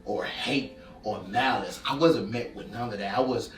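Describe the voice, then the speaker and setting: Heard through a distant mic in an echoey room with faint music, a man gives a heartfelt tribute that swells into impassioned repetition. His voice is on the low side at a moderate pace.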